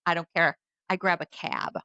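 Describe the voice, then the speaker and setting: Bright-voiced woman telling a story. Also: fairly low pitch, moderate pace, smooth, dry recording, lo-fi sound. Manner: animated, acts out quoted voices. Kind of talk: casual storytelling.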